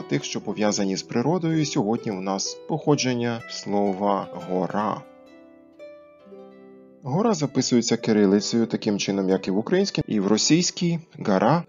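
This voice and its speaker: A man narrating an educational talk on word history, explaining clearly and stressing each example word. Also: on the low side, darkish tone, muffled recording. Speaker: language history presenter.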